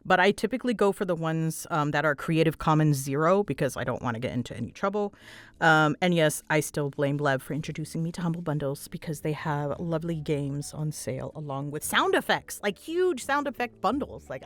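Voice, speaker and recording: Faint music plays behind this low-voiced woman, who speaks at an ordinary pace while answering her audience's questions as a voice actress and host. Rambling and casual, she comes across as giggly, dramatic and self-deprecating, telling stories with bouncy, animated energy.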